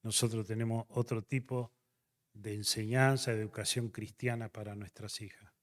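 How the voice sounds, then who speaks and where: A man's voice: lowish voice, flat delivery, normal speed, big-room sound. A man, a missionary pastor, telling his testimony to a class and acting out the dialogue as he goes.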